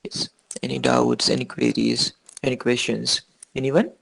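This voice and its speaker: A man's voice: mid-range voice, level tone, unhurried, vocal fry, a bit bright, low-quality recording. A man teaching an online class over a video call, answering questions with many fillers and restarts. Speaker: instructor.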